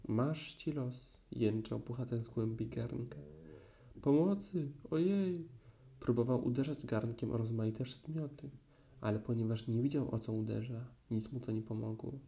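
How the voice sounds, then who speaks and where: Mellow male storyteller. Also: medium pitch, moderate pace, creaky. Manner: gentle, expressive read-aloud. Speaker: narrator. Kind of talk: audiobook storytelling.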